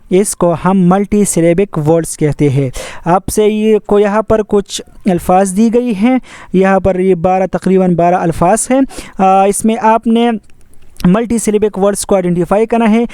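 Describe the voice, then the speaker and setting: Methodical male teacher, high and mellow. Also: a little slow, smooth, no room sound, clean studio sound. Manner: repetitive, methodical, mixes English terms into Hindi-Urdu. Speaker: English teacher. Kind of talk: grammar lesson explanation.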